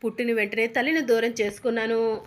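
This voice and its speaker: A woman's voice: a little high, fairly even intonation, quick pace, lightly acted. A woman voicing a grieving young daughter-in-law, speaking sorrowfully in a serial retelling. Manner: sorrowful, tearful.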